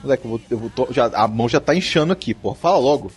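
A woman acting an exasperated, bossy husband and father in a comedy sketch, scolding quickly. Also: very deep voice, expressive, darkish tone, breathy edge, faint music behind, heavily acted. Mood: impatient father.

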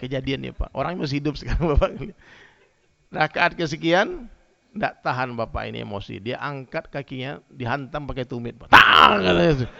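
Male preacher telling stories to his congregation, bright tense tone, gravelly edge. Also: medium pitch, normal speed. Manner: lively storytelling, addresses listeners directly. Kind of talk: humorous sermon with anecdotes. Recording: dull lo-fi sound.

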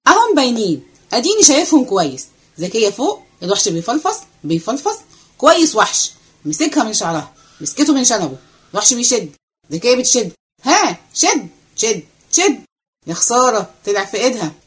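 A woman voicing a restless, cheeky young male servant with an Egyptian accent, chattering fast and excitedly. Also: on the high side, breathy edge, exaggerated voice. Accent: Egyptian Arabic. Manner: excited rapid chatter, running commentary.

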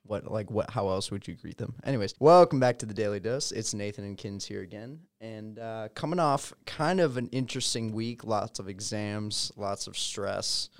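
A man's voice: fairly low pitch, fairly quick, hardly any pauses, no echo, clean studio sound. A young man co-hosting a casual podcast, with laid-back, joking banter. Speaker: podcast co-host. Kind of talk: casual chat.

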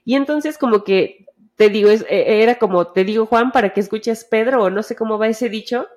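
A woman's voice: fairly high pitch, brisk, a little mellow. A woman with a Mexican Spanish accent in casual chat, talking candidly with lots of slang and swearing, acting out bits of dialogue. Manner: acts out quoted dialogue.

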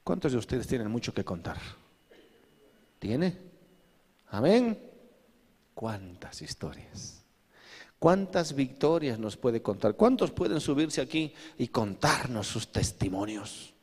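Pastor guy preaching, slow, loads of questions at the crowd, big echoey church. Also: medium pitch, big pitch swings, darkish tone, slightly rough. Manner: preaching with rhetorical questions and acted asides. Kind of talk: sermon.

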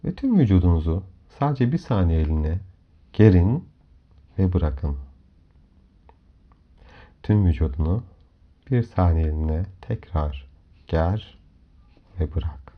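Very low-voiced man guiding a soft meditation. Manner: calm, soothing, measured instructions with pauses. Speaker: guided hypnomeditation host. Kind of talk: slow guided meditation narration. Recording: dull lo-fi audio under music. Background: clear background music.

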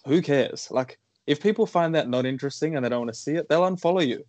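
A man's voice: a little high, fast, a little mellow, no room sound. A man giving his opinions on running in a casual podcast chat, rambling and using "like" a lot. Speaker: runner guest.

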